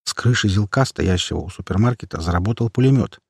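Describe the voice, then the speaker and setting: Husky-voiced man narrating an audiobook. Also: on the low side, lively intonation, fast talker, no room sound, studio quality. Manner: dramatic storytelling, first person.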